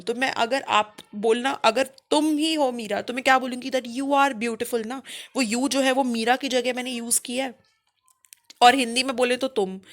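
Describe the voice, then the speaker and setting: A young woman teaching a grammar lesson, mixing Hindi and English, who explains patiently, checks in often, and reads her English examples slowly. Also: a little high, a bit bright. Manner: slow, spelled-out English examples.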